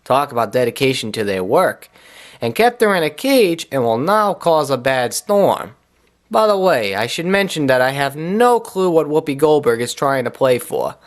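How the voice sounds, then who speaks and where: A man giving a sarcastic, wisecracking comedic review of an animated film. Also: mid-range voice, normal speed. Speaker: cartoon reviewer.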